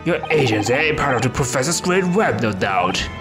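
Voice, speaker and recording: A man's voice: medium pitch, big pitch swings, close to an everyday voice. A man voicing a burly, hostile male prison governor from a video game, reading his lines with a mock Scottish brogue in a curt, threatening way. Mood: gruff hostile. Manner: curt, threatening, slow and drawn out. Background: game music.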